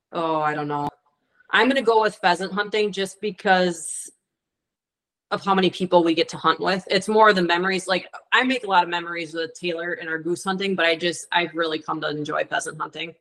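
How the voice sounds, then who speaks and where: A woman's voice: lowish voice, a bit bright, low-quality recording. Easygoing woman on a podcast, just chatting, pretty candid answers. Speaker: podcast guest, amateur dog trainer and bird hunter. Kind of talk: casual interview chat.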